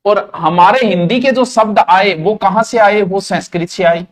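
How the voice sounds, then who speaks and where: A man's voice: high-pitched, moderate pace. A man with a Marwari accent teaching a grammar class, mixing in local words and asking questions that he then answers himself. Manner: mixes Marwari words into Hindi, asks questions and answers them.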